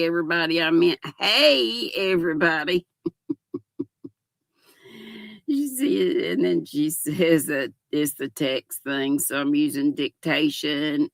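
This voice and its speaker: There's no room sound around this older woman's fairly low, creaky voice, which still comes across bright and forceful. As host of a casual livestream, she chats folksily and giggles over the viewer comments she reads aloud.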